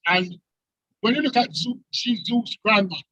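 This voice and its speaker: High, bright man heard muffled through a wall. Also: moderate pace, slightly rough, dry recording. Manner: pressing, repeated questions. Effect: muffled, as if through a wall or underwater. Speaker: debater. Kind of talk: online debate. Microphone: weak phone connection.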